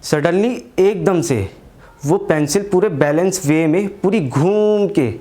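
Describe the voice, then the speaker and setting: A man's voice: sits high, takes it slowly, mellow. A young man doing stand-up comedy, telling a story in a crude, slangy way and acting out his friends' lines.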